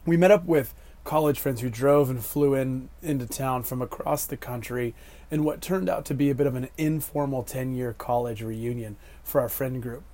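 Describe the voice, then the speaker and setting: A man in his thirties with a hoarse, smoker-like rasp, giving a scripted inspirational reflection in an earnest, measured way. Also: medium pitch, dark tone. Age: 30s. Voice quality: hoarse, raspy like a chain smoker. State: hoarse from yelling at a game. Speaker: host giving a faith reflection.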